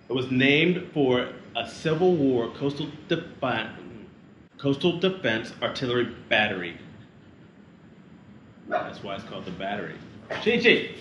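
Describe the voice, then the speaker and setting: A man's voice: fairly low pitch, dull audio. A man chatting casually on a family travel vlog, reading facts aloud and joking with a child. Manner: joking, playful, teasing a child. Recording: echoey room with steady background noise.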